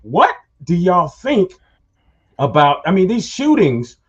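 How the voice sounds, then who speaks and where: This show host talks slowly in a husky, high-sitting voice with huge swings in pitch. Chatting casually, he rambles through stories and calls his listeners y'all, and the recording has a dull lo-fi quality.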